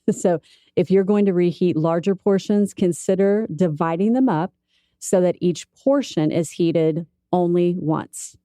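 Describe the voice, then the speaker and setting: A woman co-hosting a podcast who explains reheating rules calmly and clearly. Her voice is mellow and lowish, recorded close in a dry space. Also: a little slow, no echo. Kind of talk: casual chat, explaining food safety.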